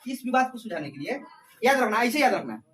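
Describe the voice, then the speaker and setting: A man's voice: very high-pitched, very animated, fast, recorded from a distance, slight background noise. A male teacher with a Bihari Hindi accent, lecturing a large class and repeating questions for the students to chant back. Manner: repeats questions and drills answers loudly. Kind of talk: classroom lecture with call-and-response. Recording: crowd of students around. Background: class chanting answers.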